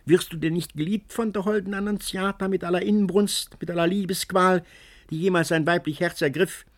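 A man's voice: high-pitched, steady tone, a little fast, voice pushed up, natural voice. A man voicing a scheming, cackling old woman servant in an audiobook, telling her tale breathlessly and dramatically. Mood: coaxing. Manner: breathless, wheedling, dramatic storytelling. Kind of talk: audiobook character reading.

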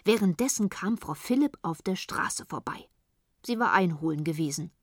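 A woman reading a children's story aloud in a calm, even storytelling manner. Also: lowish voice, normal speed, no room sound, clean studio sound. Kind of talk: storybook narration.

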